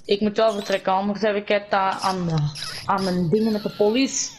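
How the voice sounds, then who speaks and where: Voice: medium pitch, huge pitch swings, a little fast, slight background noise. A gamer chatting casually and playfully during a match against a friend, mixing in English slang. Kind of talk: casual gameplay chat.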